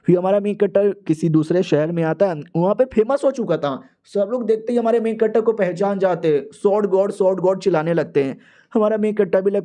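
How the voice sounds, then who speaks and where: A man's voice: sits high, mellow. A man narrating a story recap in a chatty, slangy, joking way. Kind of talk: casual comic story recap.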